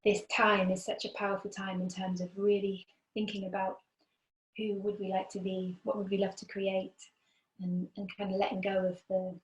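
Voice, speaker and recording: A woman teaching a guided meditation as a spiritual guide, speaking gently, soothingly and without hurry. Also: medium pitch, flat delivery, normal speed. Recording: roomy, echoing sound.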